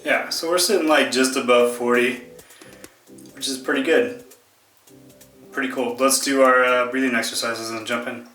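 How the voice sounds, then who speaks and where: A man's voice: medium pitch, fairly even intonation, moderate pace, long pauses, pushed and bright. Casual male vlogger in an echoey room. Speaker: vlogger demonstrating an ice bath. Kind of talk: casual vlog narration to viewers. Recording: echoey room, distant mic, clear background music.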